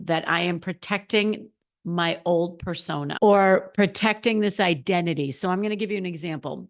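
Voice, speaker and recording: Speaking straight to her audience like a coach, a middle-aged woman runs a laid-back solo podcast. She sounds slightly hoarse, with a lowish voice and a lively, talkative delivery.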